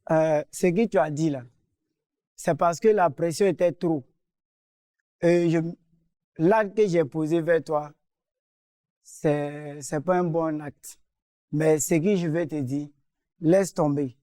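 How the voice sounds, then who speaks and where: A man's voice: on the high side, slow pace, pauses often, dark tone, dry recording, studio quality. A man explaining himself hesitantly and apologizing for a debt he has not repaid. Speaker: carpenter in a dispute. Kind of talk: defending himself on a mediation show.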